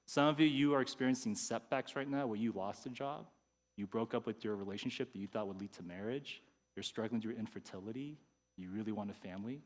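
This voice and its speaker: A man's voice: lowish voice, fairly quick. Man preaching in a reverberant hall. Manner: conversational, acts out quoted inner thoughts. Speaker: pastor. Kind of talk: sermon. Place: church sanctuary.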